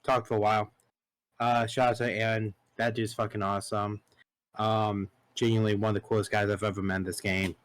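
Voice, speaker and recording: A man with a lowish, level voice speaks briskly on a clean recording with no echo. Hosting a podcast, he animatedly tells a story in casual talk, acting out both sides of conversations and swearing casually.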